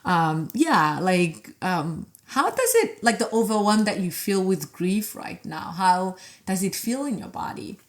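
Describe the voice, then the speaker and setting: A woman in a casual podcast conversation, asking questions in searching, halting phrases with frequent restarts. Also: medium pitch, big pitch swings, a little mellow.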